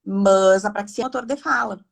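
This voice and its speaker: A woman, a speech therapist speaking from home on a video call in a live online talk, explaining in a chatty, animated way. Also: medium pitch, normal speed, creaky.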